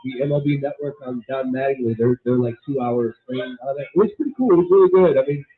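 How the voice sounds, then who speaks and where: A man's voice: medium pitch, quick pace. A man co-hosting a casual sports radio show, giving strong, emphatic opinions. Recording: tinny phone-like radio audio.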